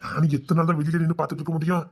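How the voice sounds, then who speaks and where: A man's voice: on the high side, level tone, racing, a little mellow, breathy edge. A man playing a lovesick youth. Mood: worried scheming. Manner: fretful rambling inner monologue, then pleading. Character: lovesick young village man, restless, scheming to elope. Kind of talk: audio love-story drama.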